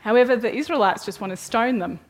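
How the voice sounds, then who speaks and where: A woman preaching a sermon. She retells a scripture story in a lively way and acts out the people's voices. Her voice sits a little high for a woman. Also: normal speed. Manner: animated storytelling, acting out quoted voices.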